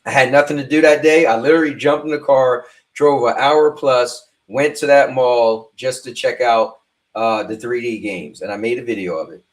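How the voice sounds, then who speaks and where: A man of fifty hosts a livestream, chatting loosely and rambling as he speaks directly to his viewers. His voice is medium in pitch at a moderate pace. The mic is distant, giving a roomy sound.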